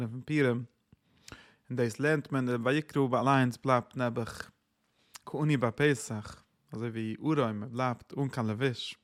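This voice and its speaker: A man giving a Torah sermon as a rabbi, preaching earnestly in a singsong cadence that swells when he quotes verses. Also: medium pitch.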